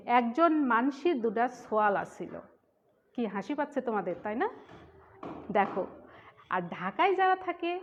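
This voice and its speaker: A woman from the Khulna region teaching a school grammar lesson, who explains step by step, repeats key points and asks her class questions. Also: a little high. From Khulna region of Bangladesh. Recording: dull, muffled lo-fi sound.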